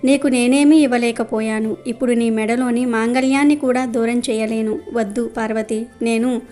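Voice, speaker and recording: Woman doing a poor devout husband, earnest and pleading, soft music under it. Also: a little high, steady tone, normal speed, natural voice. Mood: distressed. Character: poor devout male householder, kind and anxious.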